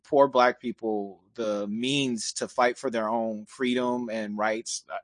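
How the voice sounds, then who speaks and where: A man's voice: medium pitch, fairly even intonation, dry recording, studio quality. A male podcast co-host in a casual panel chat, explaining his picks earnestly with frequent ums. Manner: earnest, measured, with filler ums.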